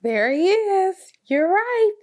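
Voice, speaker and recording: In this read-aloud for very young children, a woman speaks in an extremely high, very animated voice that's a little mellow. She takes it slowly, keeping a sing-song, encouraging, child-directed style as she tells the picture book story.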